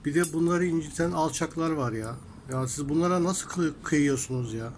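A man with a somewhat high voice chats casually to his cats in a home workshop, slipping into sing-song baby talk. He turns earnest and indignant when he speaks of cruelty to animals. A faint noise floor sits under the recording. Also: brisk. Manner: affectionate baby talk to cats, rising to high teasing tones; indignant about people who harm animals. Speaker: vlogger talking to his cats. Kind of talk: casual talk to pets and viewers.

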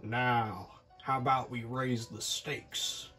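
A man doing a booming, menacing devil. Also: little pitch movement, slow pace, bright, forceful tone, faint music behind. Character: booming sleazy male devil casino owner.

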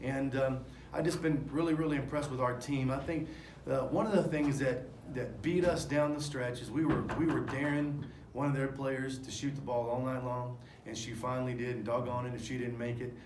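A head basketball coach in his forties speaks candidly at a postgame press conference, rambling through fillers and restarts into microphones on the table, in front of a sponsor backdrop. His medium-pitched voice is steady at normal speed, with hardly any pauses. The room is echoey, with faint noise.

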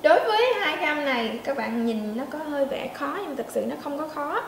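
High-voiced woman teaching pronunciation, echoey. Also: sing-song, vocal fry, music in the background. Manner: demonstrates sounds slowly, asks learners to check in. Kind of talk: pronunciation lesson. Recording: echoey room with faint ambience.

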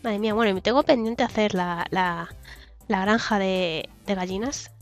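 A woman's voice: mid-range voice, moderate pace, faint music behind. A young woman giving casual, giggly commentary while playing a video game, humming to herself, her throat a little sore. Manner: chatty, giggly, hums and sings to herself. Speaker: gaming YouTuber.

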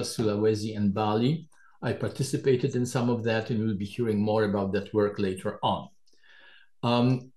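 A man's voice: mid-range voice, dark tone. Older Polish-born male professor, echoey hall. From Poland. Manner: measured, explanatory, dry asides. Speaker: professor co-leading a lecture series. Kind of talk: university lecture introduction. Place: large lecture hall.

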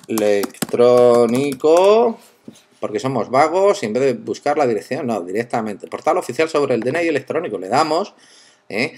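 A man from narrating a screen-recorded tech tutorial, playful and joking with viewers, exclaiming as he goes. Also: fairly high pitch.

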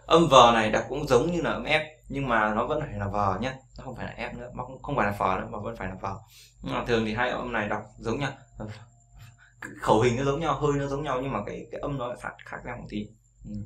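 Man's gravelly voice, casual pronunciation lesson, slow repeated drills, slight background noise. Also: mid-range voice. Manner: talks to learners, repeats sounds slowly for practice. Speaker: English pronunciation teacher.

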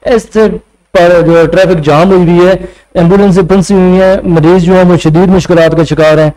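A man's voice: sits high, steady tone, moderate pace, mellow, low-quality recording. Man laying out proposals point by point. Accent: Punjabi Urdu. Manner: explains proposals point by point, many hesitations. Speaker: panel guest. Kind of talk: studio panel discussion. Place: TV studio set. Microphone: table mic.

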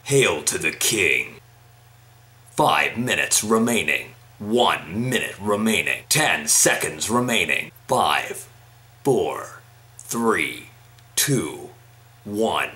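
A man voicing a stern video game announcer, calling out short phrases slowly, with dramatic emphasis. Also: sits low, sing-song, sharp tone, full character voice. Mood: booming, dramatic.

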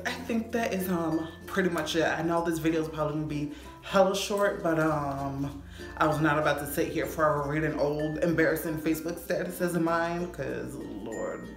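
A young adult woman vlogging casually to camera in a sassy, slangy, expressive way, recorded in an echoey room. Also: low-pitched. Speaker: YouTube vlogger. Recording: echoey room, faint music behind.

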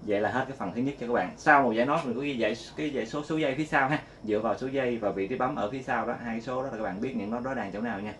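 A man giving a casual guitar lesson, singing note names slowly between quick explanations. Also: medium pitch, slight background noise. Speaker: guitar teacher. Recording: loud guitar playing along.

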